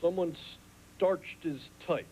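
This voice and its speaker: A man's voice: sits high, slow. A man voicing a flippant, wisecracking furry alien on a TV game show, with a noisy studio audience. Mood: flippant, joking. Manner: flippant, deadpan joking.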